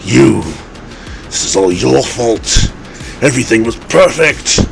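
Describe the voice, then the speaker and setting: A man voicing an enraged, half-shifted male werewolf leader who snarls and yells. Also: mid-range voice, lively intonation, slow pace, creaky, music in the background, voice pushed up. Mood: raging. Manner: snarling, yelling.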